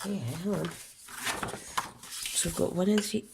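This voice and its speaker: Her voice is mid-range and creaky, with fairly even intonation at a slightly slow pace, and there's background noise. A woman from the UK, congested and coughing, she chats through a casual papercraft demonstration, correcting herself and explaining along the way.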